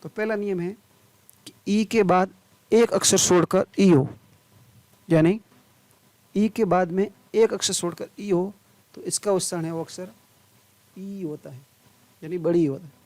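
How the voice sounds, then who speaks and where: A man's voice: sits high, unhurried, pauses often, a little mellow, no room sound. A man teaching English pronunciation, spelling words letter by letter and drawing each sound out, then asking questions and answering them himself. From India.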